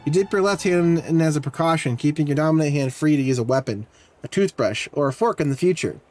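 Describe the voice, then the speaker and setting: A man's voice: on the high side, quick pace, a little mellow. A male streamer playing a game live, reading dialogue aloud and adding sarcastic, swearing asides. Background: faint game music.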